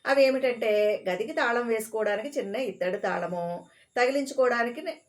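Lady retelling a funny novel, kinda high voice, chatty, explains stuff as she goes. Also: normal speed. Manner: chatty, explains old words as she reads. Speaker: storyteller. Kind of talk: casual storytelling of a comic novel.

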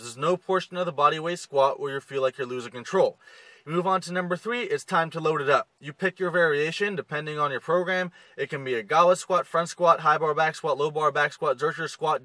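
Speaking straight to a camera near his face from the driver's seat of a parked car, a young fitness coach in his twenties walks through gym steps in a steady, instructive manner. His voice is bright, forceful and slightly higher than typical for a man, sounding close and dry in a poor-quality recording.

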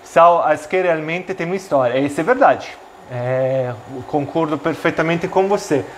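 Male online cooking host, native Italian with Italian accent, thirties, slightly high voice, chatty and hesitant, casual teaching. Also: normal speed, a little hiss or hum. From Italy. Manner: chatty and hesitant, mixing Italian greetings into talk. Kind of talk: casual live cooking lesson. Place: home kitchen, indoors. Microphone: clip-on lapel mic.

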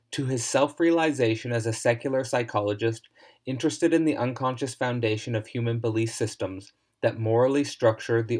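A man narrating a scripted philosophy lecture in a measured, formal reading voice. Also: medium pitch, darkish tone.

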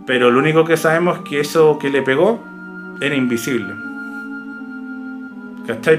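Chilean guy telling his ghost story, kinda high voice, acts out barks n hooves, music behind. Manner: animated, imitates barks and hoofbeats, slangy. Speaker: YouTuber telling ghost stories. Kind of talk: casual storytelling.

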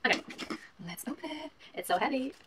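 A woman in her twenties chatting casually while opening mail at home, gushing and reading letters aloud haltingly. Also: high-pitched, animated, noisy background. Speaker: vlogger. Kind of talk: casual unboxing chat. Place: small home room, indoors.

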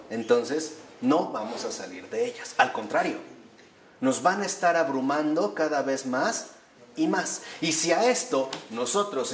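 A man's voice: medium pitch, a little hiss or hum. A man gives an explanatory talk to a live audience and often ends his points with a tag question. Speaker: lecturer. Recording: roomy echo with faint ambience.

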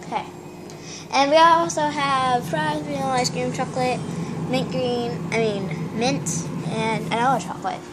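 Holding her phone camera as she walks through her small house's kitchen and bathroom, a young woman narrates a casual, meandering tour with plenty of giggles. Her high-pitched voice stays steady in tone and unhurried, and the home recording is noisy.

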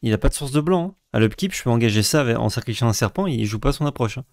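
A man's voice: mid-range voice, lively intonation, rapid-fire, a little mellow, dry recording, clean studio sound. Joking man playing a card game. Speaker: co-host, player. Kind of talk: casual gaming chat.

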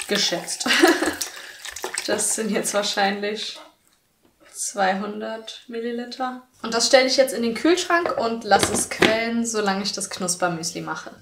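A young woman chats her way through a cooking vlog in her home kitchen, thinking aloud as she goes. The camera mic picks her up from a little way off, so the kitchen sounds echoey, with a faint noise underneath. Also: mid-range voice. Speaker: cooking vlogger. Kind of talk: casual cooking vlog narration.

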